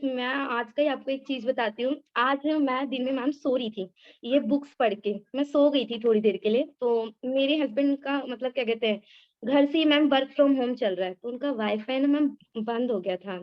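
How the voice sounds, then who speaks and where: Chatty woman on a muffled video call. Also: high-pitched. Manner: talks nonstop, addressing the host as ma'am. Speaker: participant sharing her experience. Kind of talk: excited personal testimony on a video call.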